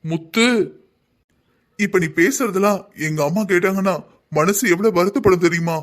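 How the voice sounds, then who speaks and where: A man voicing a patient young husband and son in a Tamil cartoon drama, reasoning calmly. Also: high-pitched, normal speed. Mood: pleading. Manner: calm, reasoning.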